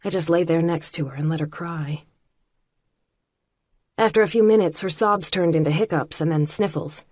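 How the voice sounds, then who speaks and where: Low, husky woman narrating. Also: no room sound. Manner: measured, quietly intimate reading. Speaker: audiobook narrator. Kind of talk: first-person audiobook narration.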